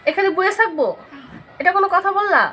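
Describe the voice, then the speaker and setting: A woman's voice: extremely high pitch, fast talker, sharp tone, a little hiss or hum. A young mother at home talking to her little child in a playfully scolding way, asking the same questions again and again, recorded on a phone. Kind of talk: casual home vlog scolding.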